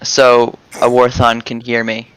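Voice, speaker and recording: A man's voice: medium pitch, monotone, a little slow, a bit bright, smooth, no echo, low-quality recording. A man playing a tabletop role-playing game, casually explaining what his character does.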